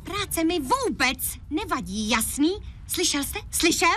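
A woman's voice: sits high, sing-song, a bit bright, soft background music. Feisty, indignant young woman. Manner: bossy and indignant. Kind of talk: dubbed TV drama.

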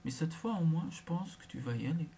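A woman reading the part of a capricious young woman who taunts her lover, in a low half-whispered voice. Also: expressive, fairly quick, mellow, a little hiss or hum. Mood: provoking.

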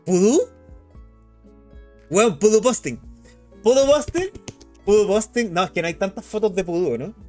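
On his live stream, a young Chilean-accented man reads chat messages aloud in an animated, slangy manner. He has a high voice at a moderate pace, pausing often, with faint background music.

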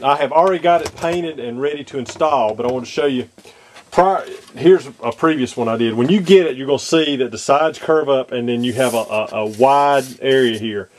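A man with a medium-pitched voice, a model kit maker speaking off camera at his workbench, gives a casual how-to demonstration of installing a model aircraft cockpit. He is hesitant, pausing often with ums and restarts.

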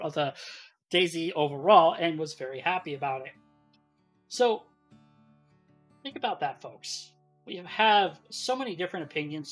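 A podcast host in a casual show chat, playful and animated, laughing often. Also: medium pitch, breathy edge.

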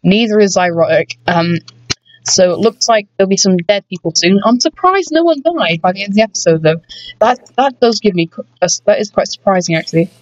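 A host talks through a survival game in a loose, rambling way, dropping in ums and calling out to viewers. The voice sits at a middling pitch. The home recording is dull and lo-fi, close and dry with no room sound. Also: lively intonation, a little fast, no room sound. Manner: chatty, rambling, frequent ums, addresses viewers as people. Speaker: gaming channel host. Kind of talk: let's-play commentary.

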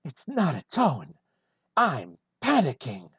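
A man voicing a gruff, brooding male hedgehog antihero in a one-take fan reading of a film script, deadpan and husky. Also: medium pitch, very slow, no echo, muffled recording, heavily acted.

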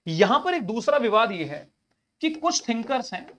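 A man's voice: very high-pitched, sing-song, moderate pace, pushed and bright, a little hiss or hum. Man teaching with rhetorical questions. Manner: conversational, rhetorical questions to students; colloquial address to listeners. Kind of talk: exam-prep lecture.

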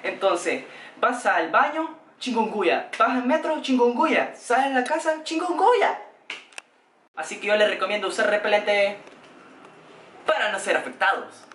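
A man's voice: high voice, normal speed, slight background noise. A teenage boy from El Salvador with a Salvadoran Spanish accent, joking playfully through a comic vlog monologue in his bedroom, filmed by a camera a few steps away. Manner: playful, joking, lively gestures. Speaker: vlogger. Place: bedroom, indoors. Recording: roomy bedroom echo.

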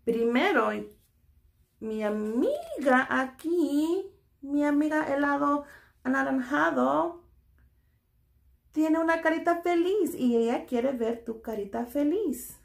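A woman teaching a children's drawing lesson, gently checking in with "ok" after each step and slipping English "so" into her Spanish. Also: high-pitched, animated, slow pace, vocal fry. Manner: soothing, talks to toy friends.

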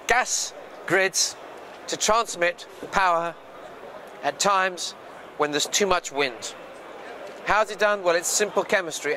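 An older man speaking to camera at a trade fair, explaining energy trends in a measured way with occasional hesitations, recorded on a lapel mic. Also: fairly high pitch, sharp tone, slight background noise. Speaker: futurist speaker. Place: large indoor trade fair hall.

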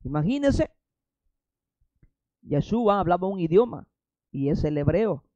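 A man's voice: high-pitched, sing-song, measured pace, dark tone, no echo, dull audio. A man preaching a fiery sermon with a Salvadoran Spanish accent, firing rhetorical questions and breaking in with emphatic interjections.

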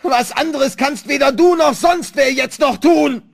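A man voicing a panicked young man trapped underground, shouting desperately in a high voice. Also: animated, slow.

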